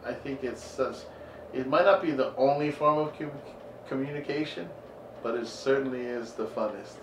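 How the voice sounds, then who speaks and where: A pastor from Maui, Hawaii, who talks softly and hesitantly as he tells rambling stories in an interview. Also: mid-range voice, normal speed. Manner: soft-spoken, hesitant, rambling. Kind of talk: casual interview storytelling. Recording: roomy, distant, noisy recording.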